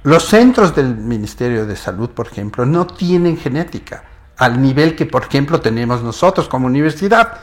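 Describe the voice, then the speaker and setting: A man's voice: mid-range voice, animated, normal speed. A man appearing as a geneticist guest on a TV interview, giving earnest, step-by-step explanations.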